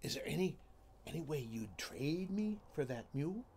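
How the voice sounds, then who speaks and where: A man's voice: fairly high pitch, sing-song, moderate pace, darkish tone, slight background noise. A man voicing a plucky, cheeky young male farmhand in a folksy told story, with a brash, chatty drawl.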